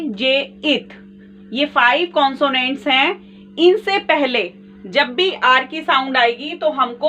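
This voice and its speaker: A woman's voice: high-pitched, fairly bright tone. A woman teaching a shorthand lesson step by step, patient and repetitive, calling her viewers friends. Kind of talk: step-by-step tutorial explanation. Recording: distant, dull lo-fi mic with faint noise.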